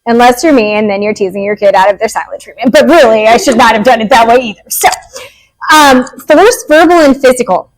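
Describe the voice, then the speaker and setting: A woman's voice: fairly high pitch, fairly quick, low-quality recording. A woman behavior analyst giving a casual, joking, direct talk on parenting.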